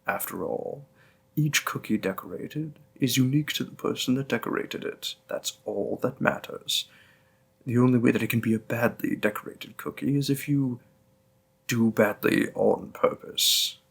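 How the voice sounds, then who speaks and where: A man at medium pitch and normal speed plays a gentle, affectionate demon boyfriend in an intimate comfort roleplay. He sounds tender and soothing, turning breathy in places.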